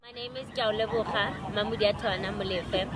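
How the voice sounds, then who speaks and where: A South African woman in her twenties, an attorney, speaking softly and a little hesitantly. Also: medium pitch, steady tone, normal speed, heavy background noise. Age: 20s. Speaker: attorney sharing her story. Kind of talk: personal testimony to camera.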